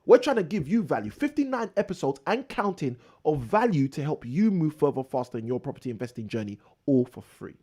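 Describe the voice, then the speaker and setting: A man's voice: a little high, big pitch swings, brisk, few pauses, mellow, husky. A man hosting a live property investing show, delivering a preachy motivational monologue that repeats phrases for emphasis.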